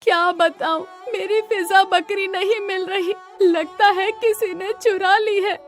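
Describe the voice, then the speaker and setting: Woman doing a cranky old granny, low and slow, scolds then sobs, storybook cartoon. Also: animated. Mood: distraught. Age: older. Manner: scolding, then weeping and pleading. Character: old widowed grandmother, stubborn, devoted to her goats.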